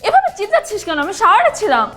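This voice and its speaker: A brisk, kindly young sister-in-law, talking at a very fast clip. Her voice sits high and moves up and down expressively. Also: huge pitch swings, pushed and bright, faint music behind, exaggerated voice. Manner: brisk, reassuring. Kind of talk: TV drama acting.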